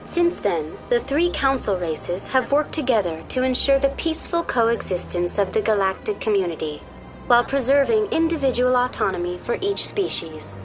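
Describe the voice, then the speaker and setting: A woman voicing a polite female virtual-intelligence information program in a video game, with an even, courteous, too-smooth synthetic delivery. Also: a little high, moderate pace, lightly acted, rough recording. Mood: calm informative. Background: game music.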